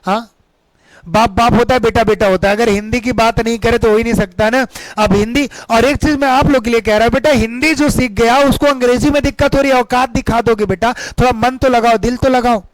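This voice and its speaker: A man's voice: extremely high pitch, steady tone, a little fast, no room sound, poor audio. A man teaching English grammar for exams, emphatic and repetitive, often asking the students questions and calling them beta. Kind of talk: exam-prep lesson.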